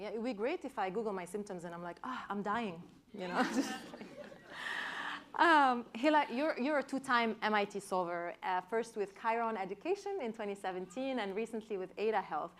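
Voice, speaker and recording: A woman moderates a conference panel. She speaks at a middle pitch and reacts encouragingly to her guest before she moves on to the next question. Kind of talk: live panel conversation.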